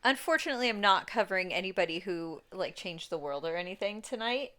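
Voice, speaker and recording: A woman's voice: medium pitch, animated, fast talker, sharp tone. A young adult woman co-hosting a podcast, chatting and telling a story in a rambling way, full of fillers and laughs. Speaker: podcast co-host. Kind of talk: casual chat, storytelling.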